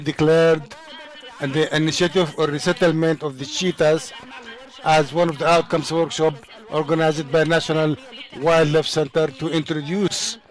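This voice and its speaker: A man with a slightly high voice interprets a formal speech live. His phrasing is halting and broken, and he often corrects himself.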